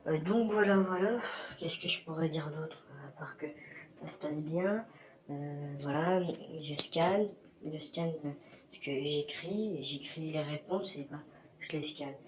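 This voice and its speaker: A man's voice: a little high, a little slow. A man talking through a voice-disguising filter, rambling frankly to his community with many hesitations, from his bathroom. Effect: voice disguised with an altering filter. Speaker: YouTuber addressing his community. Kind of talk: casual rambling vlog.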